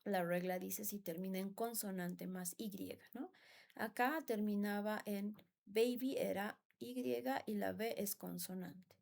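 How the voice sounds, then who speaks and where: Teaching English grammar in class, a woman with Spanish as her first language speaks slowly in a gravelly, darkish, mid-range voice. She patiently repeats words and often seeks agreement with "¿no?".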